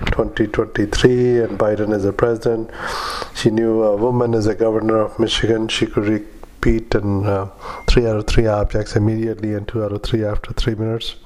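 A man doing medical dictation in halting, clipped fragments, speaking punctuation aloud as a clinician recording patient notes. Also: on the low side, a little mellow, a little hiss or hum, low-quality recording. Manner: halting, fragmented clipped phrases with frequent long hesitations.

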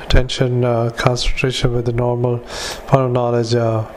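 Here a male clinician reads out medical notes in choppy bits, calling out punctuation and layout commands with flat delivery. He has a medium-pitched voice at a moderate pace, with a little background noise.

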